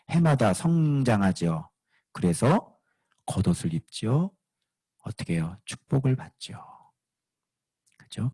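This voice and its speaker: A man, a pastor, preaching a sermon with lively, emphatic delivery, often asking his listeners questions. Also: sits low, breathy edge, no echo. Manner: animated, asks the congregation questions, rises to shouting emphasis.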